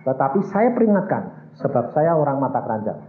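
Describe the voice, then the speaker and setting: A male evangelist who preaches in an animated storytelling style and acts out the dialogue of his stories. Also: mid-range voice, fairly quick, a little hiss or hum. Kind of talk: storytelling sermon. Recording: tinny, echoey church recording.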